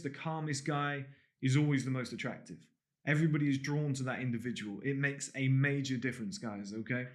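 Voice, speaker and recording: A man teaching body language in a casual spoken lesson, blunt and swearing freely, acting out little everyday scenes. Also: mid-range voice.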